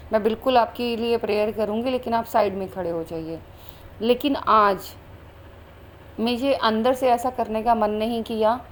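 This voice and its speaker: A woman's voice: fairly high pitch, slight background noise. A woman, a spiritual channel host, recounting a meditation vision in a flowing, earnest way with many fillers. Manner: earnest, flowing Hindi-English mix with fillers. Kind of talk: personal spiritual account.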